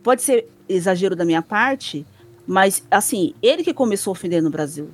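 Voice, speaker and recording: A woman's voice: medium pitch, animated, moderate pace, soft background music. A woman with a Brazilian Portuguese accent hosting a casual podcast chat, talking in an indignant, emphatic way with many restarts.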